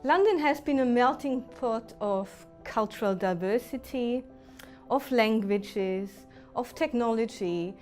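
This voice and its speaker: A woman's voice: on the high side, a little slow, a little mellow, faint music behind. A woman, a chief digital officer, speaking expressively in a promo film interview.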